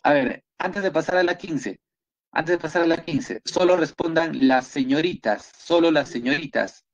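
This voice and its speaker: Encouraging Peruvian biology teacher, dull lo-fi audio. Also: male voice, on the high side, normal speed. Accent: Peruvian Spanish. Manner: encouraging, repeats praise often. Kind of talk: online class, reviewing exam questions.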